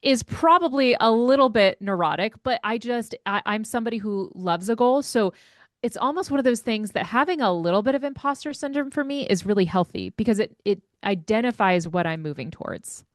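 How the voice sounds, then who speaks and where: A woman's voice: on the high side, animated, fairly quick, dry recording, clean studio sound. A woman educator and author talking casually in an interview, chatty and self-deprecating, often laughing at herself.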